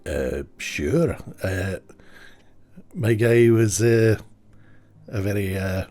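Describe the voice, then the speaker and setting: Mellow male player, lively pitch. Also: drawn-out words, dry recording, faint music behind. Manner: hesitant, full of fillers. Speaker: tabletop game player. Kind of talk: casual game table talk.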